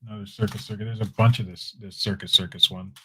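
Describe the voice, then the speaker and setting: A man with a lowish voice talks fast as he runs a casual live-stream auction, with slight background noise present. Relaxed and chatty, he shows items, calls bids, and talks with viewers in chat.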